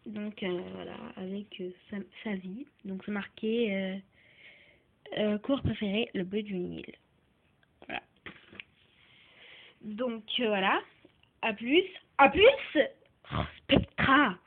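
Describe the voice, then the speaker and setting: A woman's voice: mid-range voice, takes it slowly, long pauses, slight background noise. A woman giving a casual toy review, hesitant and filling her talk with restarts and small filler words. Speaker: doll reviewer. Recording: tinny phone-like recording.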